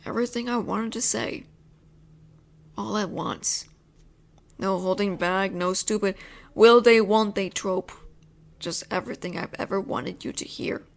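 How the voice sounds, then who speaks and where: As a possessive roommate with a teasing streak, a young woman voices an intimate audio roleplay in low, lingering speech that drifts into whispers at times. She is a little slow and gravelly, leaving long pauses.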